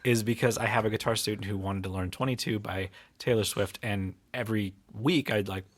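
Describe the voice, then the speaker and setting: Rambling low-voiced man, casual music chat. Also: fairly even intonation, fairly quick. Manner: rambling, self-interrupting, laughs often. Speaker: podcast co-host and guitar teacher. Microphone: studio mic, recorded in home studio software.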